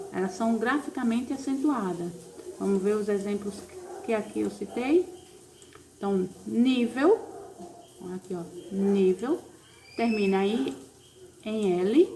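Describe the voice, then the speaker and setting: A woman's voice: on the high side, a little mellow, a little hiss or hum. A woman teacher with a Brazilian accent, patiently explaining a recorded class lesson step by step. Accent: Brazilian Portuguese. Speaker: primary school teacher.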